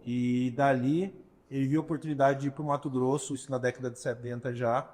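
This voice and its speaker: Unhurried storytelling Brazilian man. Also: mid-range voice, steady tone, darkish tone. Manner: unhurried storyteller, pauses often to find words. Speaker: guest, restaurant entrepreneur. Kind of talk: casual interview talk.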